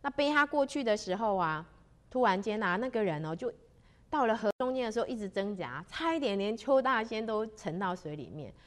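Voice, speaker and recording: Speaking to fellow practitioners, this woman recounts a moral story with a spiritual message in a mid-range, expressive voice. She is a religious storyteller whose pace is leisurely, and she lingers on the particles closing each phrase.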